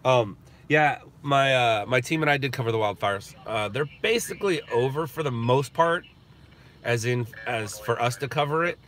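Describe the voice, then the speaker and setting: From inside his moving car, a middle-aged host with a stuffy, sniffly nose chats casually on a live stream, wandering from topic to topic while responding aloud to viewer chat. His voice is mid-range at a normal speed, and there's slight background noise.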